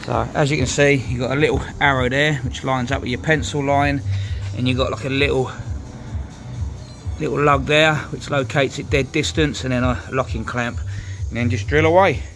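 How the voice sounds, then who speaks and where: A man's voice: mid-range voice, fairly even intonation, normal speed, a bit bright, faint music behind. A man, talking through a joinery job step by step in a casual how-to, recorded on a handheld phone indoors. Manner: plain-spoken, talks while working, swears now and then. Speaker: joiner showing a build. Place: indoors on a job site with stairs.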